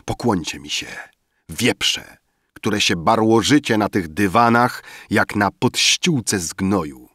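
An actor playing a drunken young man who shouts and boasts wildly about his sudden wealth in an audiobook reading. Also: on the low side, takes it slowly, breathy edge, dry recording, studio quality, full character voice. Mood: drunken boasting.

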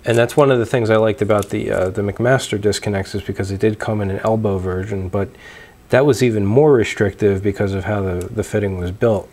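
A man's voice: fairly low pitch, fairly quick. Young man demoing gear on a lapel mic. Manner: relaxed, explanatory, frequent fillers and restarts. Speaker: homebrewing video host. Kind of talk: casual show-and-tell demonstration. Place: small dim room at home, indoors.

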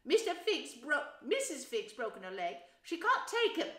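A woman's voice: extremely high pitch, sing-song, normal speed, pushed and bright, voice pushed up, full character voice. A woman voicing a fussy, snappish middle-aged aunt in a storybook reading. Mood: angry, worried. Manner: snapping, snarling, frantic. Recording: echoey room.

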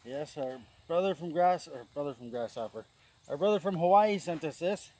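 A man's voice: a little high, animated, moderate pace, a little mellow. A young man hosting a casual, slangy, laid-back review outdoors, picked up by a camera a few steps away. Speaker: host of a dip review channel. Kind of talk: casual product review chat. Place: outdoors on a grassy hilltop. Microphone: camera mic a few steps away.

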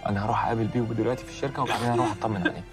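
A man's voice: fairly low pitch, steady tone, racing, close to an everyday voice. An actor playing a devoted brother who comforts his grieving sister with an Egyptian accent, soothing and swearing oaths. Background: music score.

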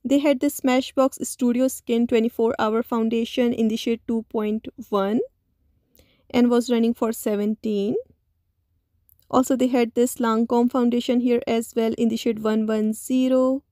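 Slow, pausing woman narrating a store haul. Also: a little high, level tone, dark tone, dry recording, studio quality. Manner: slow, listy, with many "uh" pauses. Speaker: shopping vlogger.

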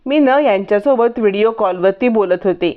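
A woman's voice: medium pitch, normal speed, lightly acted. A woman voicing a hesitant young wife who dodges questions. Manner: hesitant, evasive. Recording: dull lo-fi recording.

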